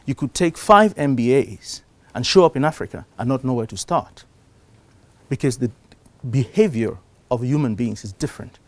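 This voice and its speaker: A middle-aged man from Cameroon speaks on a conference stage to a live audience. His pitch sits in the middle of the range. He talks in a lively way and keeps raising his voice for emphasis. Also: normal speed. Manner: animated, shifts loudness for emphasis. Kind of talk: live talk on investing.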